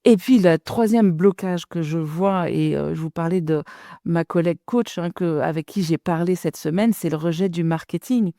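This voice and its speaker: A woman's voice: on the low side, moderate pace, mellow, dry recording, clean studio sound. A middle-aged woman business coach talking to listeners in a direct, chatty podcast monologue.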